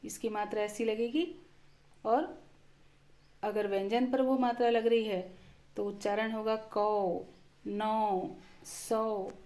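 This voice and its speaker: A woman's voice: a little high, measured pace, long pauses, dark tone. A woman teaching the Hindi vowels and their signs, explaining patiently and saying each sound on its own. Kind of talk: slow explanatory lesson.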